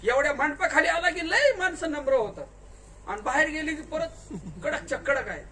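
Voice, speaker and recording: A man giving a spiritual discourse in a large tent, questioning the listeners and telling them to answer louder. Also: extremely high pitch, lively intonation, moderate pace. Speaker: kirtankar preacher. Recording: distant mic with faint noise.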